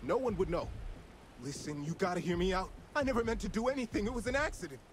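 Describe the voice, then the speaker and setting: Highish, animated street beggar crook. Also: male voice, fast, a little hiss or hum. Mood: alarmed, pleading. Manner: streetwise, informal, stammering pleas. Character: panicky, pleading male street beggar and small-time crook. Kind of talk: video game character dialogue.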